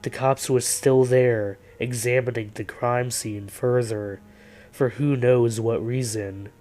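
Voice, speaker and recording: A man reading a first-person horror story in a calm, tired, scripted narration. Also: mid-range voice, slow pace. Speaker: creepypasta narrator. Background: faint background music.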